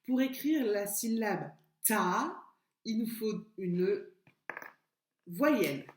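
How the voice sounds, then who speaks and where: A woman teacher leads young children through spelling, stretching out each sound and syllable with great patience. Her pace is unhurried and deliberate, and her voice carries a noticeable room echo, as if recorded on a laptop at home. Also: medium pitch, expressive, a little hiss or hum. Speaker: kindergarten teacher. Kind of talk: remote literacy lesson for young children. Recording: echoey room.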